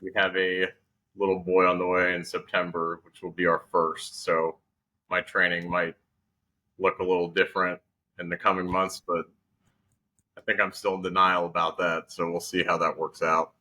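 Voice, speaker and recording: A man's voice: low voice, moderate pace. A man in his thirties, a podcast guest, talking casually and joking, with frequent ums. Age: 30s. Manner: relaxed, joking, hesitant with ums. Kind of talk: casual conversation.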